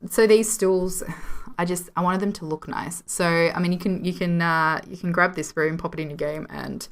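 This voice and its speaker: A young woman with an Australian accent and a slightly low voice rambles through casual commentary at her desk. She giggles often, apologizes for her rambling and pokes fun at herself. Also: steady tone, moderate pace. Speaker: video game building channel host. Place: home room.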